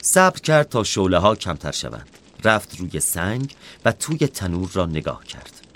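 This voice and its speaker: A man reading a children's story aloud, expressive and dropping softer for the character's inner thoughts. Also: low voice, slight background noise.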